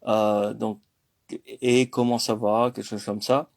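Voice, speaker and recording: A man teaches a relaxed spoken lesson at an unhurried, slow pace. He hesitates often, fills gaps and corrects himself. He repeats each word slowly so it can be practiced. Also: on the low side, vocal fry. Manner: hesitant, many fillers and self-corrections. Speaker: language teacher. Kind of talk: casual spoken language lesson.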